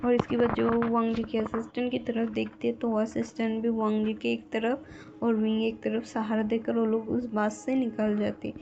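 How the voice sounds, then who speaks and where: A woman's voice: on the high side, little pitch movement, normal speed, vocal fry, warm tone, muffled recording. A woman retelling a story casually, rambling with many filler phrases. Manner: meandering, lots of filler phrases.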